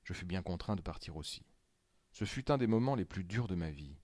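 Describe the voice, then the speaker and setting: Deep-voiced man reading a story. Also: animated, brisk, darkish tone, no room sound. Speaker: narrator. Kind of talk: reading a classic story aloud.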